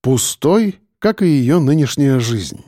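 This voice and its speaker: Мужчина читает аудиокнигу ровно и размеренно. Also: male voice, mid-range voice, big pitch swings, takes it slowly, warm tone, dry recording, clean studio sound. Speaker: audiobook reader. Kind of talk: scripted audiobook narration.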